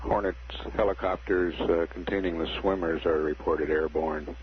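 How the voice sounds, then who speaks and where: A man giving measured, formal and deadpan live spaceflight commentary over a muffled, noisy 1960s radio feed. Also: low-pitched. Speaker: mission control public affairs commentator.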